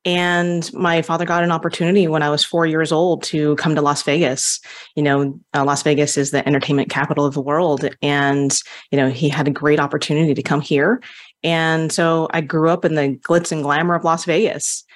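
A woman's voice: low voice, level tone, moderate pace. A woman from Hawaii, a guest speaker, telling her story in an interview with frequent fillers and laughs. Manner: warm storytelling, laughs often, many fillers. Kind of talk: conversational interview.

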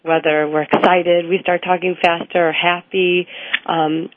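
A woman speech therapist explains her methods in a very low, level voice that hardly rises or falls. She talks through her points with plenty of ums and restarts. The sound is thin and phone-like, dry with no room echo. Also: little pitch movement, measured pace. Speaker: speech language pathologist guest. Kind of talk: interview answers. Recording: tinny phone-like line, dry.

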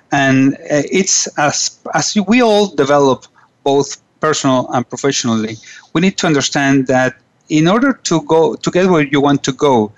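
In the studio, an earnest Venezuelan-born radio host and business coach delivers a formal, scripted monologue with frequent restarts. His medium-pitched voice comes across in a dry, muffled recording.

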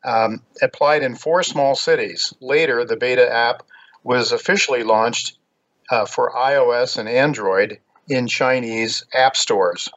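American male radio host, halting and measured delivery, lo-fi muffled sound. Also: mid-range voice, a bit bright. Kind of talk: radio monologue, reading out news on markets. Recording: dull, lo-fi radio line.

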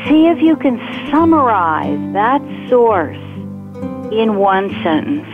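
A woman guiding a meditation in a measured, instructive way, pausing between phrases. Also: on the high side, big pitch swings. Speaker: meditation guide. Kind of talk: guided meditation and spiritual teaching. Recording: tinny phone-like line with music behind.

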